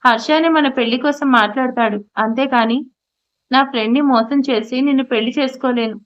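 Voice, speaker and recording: A woman's voice: high voice, a little fast, close to an everyday voice. A woman voicing a torn young man in an audio story, speaking defensively and pleadingly. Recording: slightly muffled audio.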